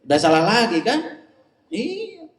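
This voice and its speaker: A male religious teacher speaks slowly, with a pitch that leaps up and down. He jokes and keeps quizzing his audience with questions. His voice sounds distant and echoes around the room. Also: huge pitch swings. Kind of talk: humorous religious lecture.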